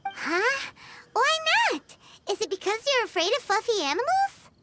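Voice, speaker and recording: A woman voicing a tiny, childlike fairy companion in a video game, squeaky, excitable and curious. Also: moderate pace, background noise. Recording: loud music under the voice.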